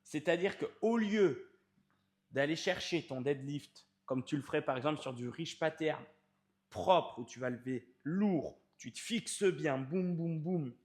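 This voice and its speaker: A man's voice: fairly high pitch, expressive, a little slow. A man, a fitness coach explaining training to the viewer in an informal, emphatic way, stretching key words.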